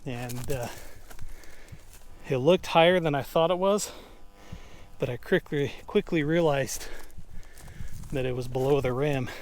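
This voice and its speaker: A man's voice: medium pitch, measured pace, pauses often, slight background noise. A man narrating his hike in a casual vlog, musing aloud with easy fillers, recorded outdoors on a camera mic. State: out of breath at times. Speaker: outdoor adventure vlogger. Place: outdoors in a desert canyon.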